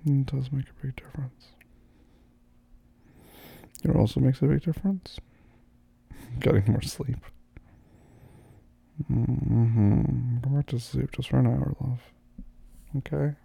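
A man in a soft-spoken ASMR boyfriend roleplay, groggy as if just woken up, murmuring and often slipping into whispers. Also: mid-range voice, steady tone, slow pace, gravelly, pauses often, slightly rough, dry recording.

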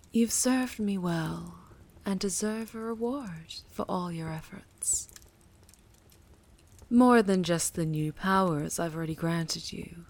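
Sultry whispering otherworldly patron played by a woman; slow delivery, breathy tone, audio roleplay. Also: lowish voice. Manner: teasing, purring, slow. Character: seductive otherworldly female warlock patron, teasing and possessive.

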